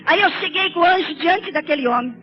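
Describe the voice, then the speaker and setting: A woman's voice: very high-pitched, expressive, quick pace. A woman gives a fervent, tearful testimony sermon and keeps calling her listeners brothers. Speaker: church sister giving a testimony. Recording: slightly dull lo-fi recording with faint noise.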